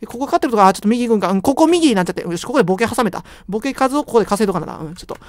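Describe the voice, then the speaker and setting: A man's voice: sits high, expressive, very fast, no echo, studio quality. A young man with a Kansai accent giving joking, rambling commentary while playing a horror game. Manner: joking, rambling, self-deprecating banter. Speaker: game streamer.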